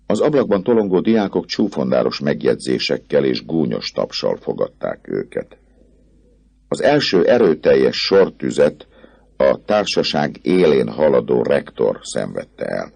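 A man narrating an audiobook in a measured storytelling manner. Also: rumbling low, sing-song, creaky, a little mellow, breathy edge.

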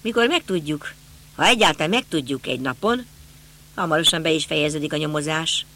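Brief: middle-aged male detective, measured and commanding, voiced by a male narrator; lively delivery. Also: a little high. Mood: instructing. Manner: measured, authoritative. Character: calm middle-aged male police inspector.

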